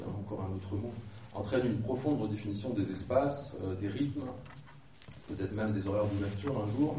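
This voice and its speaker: A man hoarse with flu moderates a conference round table, speaking in a halting, hesitant way. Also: fairly low pitch, warm tone. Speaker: round-table moderator, cultural agency director. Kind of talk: introducing a conference panel. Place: indoor conference room. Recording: roomy echoing hall, distant mic, faint noise.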